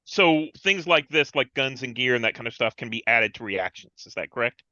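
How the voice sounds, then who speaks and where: Male tabletop player, bright and crisp, curious, dry lo-fi call audio. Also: medium pitch, expressive, a little fast, dry recording. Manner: curious, asks about game rules. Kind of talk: tabletop roleplaying chat.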